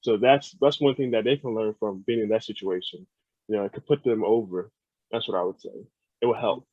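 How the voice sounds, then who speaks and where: A man's voice: lowish voice, steady tone, fairly quick, breathy edge, dry recording. Young man on a tinny phone-like line. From United States. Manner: earnest, thoughtful, repeats words while thinking. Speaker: podcast guest. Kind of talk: casual podcast conversation. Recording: dry, phone-like sound.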